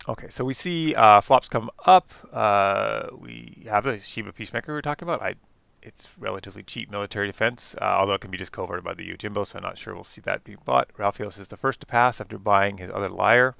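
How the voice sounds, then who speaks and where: A man with a Canadian accent giving chatty live-stream commentary on a card game, quick and full of fillers and restarts. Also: lowish voice, vocal fry, sharp tone, no room sound.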